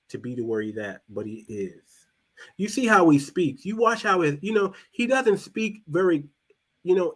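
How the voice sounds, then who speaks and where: This is a podcast host, a man running a casual talk show who speaks loosely. He repeats and restarts words and drops his voice low for emphasis.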